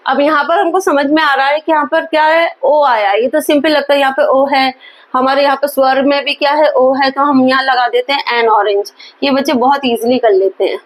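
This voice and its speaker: In this Hindi-language English grammar lesson, the woman's voice is high and steady. She quizzes herself and supplies the answers, reading each example sentence slowly and spelling it out.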